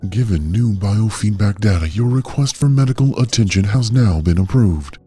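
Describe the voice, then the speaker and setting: An actor playing a calm, coldly polite AI caretaker, a gentle care robot that speaks in a soothing, measured, clinical way. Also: male voice, lowish voice, husky, faint music behind. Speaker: AI overseer of a medical trial. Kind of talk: audio drama narration.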